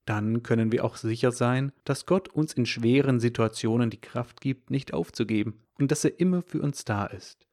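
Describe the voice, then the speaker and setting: Male devotional speaker, calm scripted storytelling delivery, mid-range voice. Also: mid-range voice, moderate pace, few pauses.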